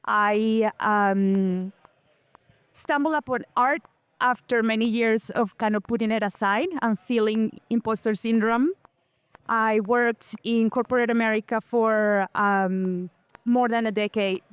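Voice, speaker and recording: A woman's voice: on the high side, steady tone, unhurried, clean tone, dry recording. A woman in her thirties from Colombia, an artist guest talking enthusiastically in a casual interview.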